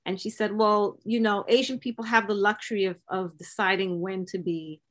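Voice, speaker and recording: A woman's voice: medium pitch, normal speed. A woman co-hosting a podcast, talking earnestly in a casual discussion with frequent restarts. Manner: earnest, hesitant restarts, animated emphasis. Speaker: podcast co-host.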